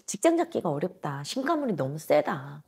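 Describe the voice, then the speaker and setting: A woman fortune teller in her thirties reads a client's fate in a blunt, emphatic way. Her voice sits fairly low and carries a gravelly, husky edge. She talks into a lapel mic in a small indoor office. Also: very animated, moderate pace, dark tone. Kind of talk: fortune-telling consultation.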